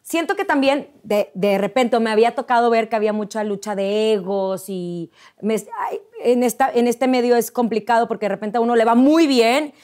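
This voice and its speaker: Woman, 30s, fairly high voice, lively guest storyteller. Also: moderate pace. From Monterrey, Mexico. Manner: chatty storyteller, acts out quoted voices. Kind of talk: casual chat.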